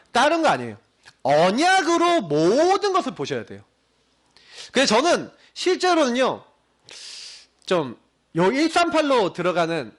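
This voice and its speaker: Animated high-voiced male preacher. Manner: animated preaching, swings between loud emphasis and low asides. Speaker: pastor. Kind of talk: sermon.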